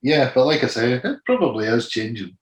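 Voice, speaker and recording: A man in his sixties with a gritty, gravelly voice, chatting loosely as an interview guest, full of "you know". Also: mid-range voice, very animated, brisk, echoey room. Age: 60s. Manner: rambling, full of "you know", laughs easily. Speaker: guest singer. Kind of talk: casual interview chat.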